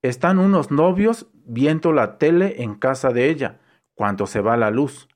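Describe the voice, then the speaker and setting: A man reading short jokes aloud as an unhurried storyteller who briefly voices the punchlines. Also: mid-range voice, animated, a little mellow. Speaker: joke reader.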